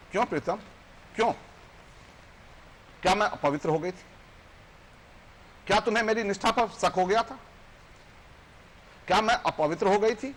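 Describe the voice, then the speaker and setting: Wronged ancient wife, grieving and indignant, recited by a man in a high, impassioned voice. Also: fairly bright tone, full character voice. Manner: recites slowly and passionately, rising in protest. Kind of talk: poetry recitation. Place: TV studio.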